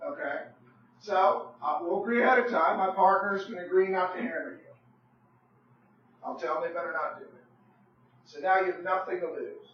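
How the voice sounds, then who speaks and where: Hoarse man, high voice, pushy real estate pitch on a phone call, echoey dull room. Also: moderate pace, pauses often, slight background noise. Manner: persuasive, pushy, repeats "okay?" and "right?"; clears throat often. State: hoarse, losing his voice.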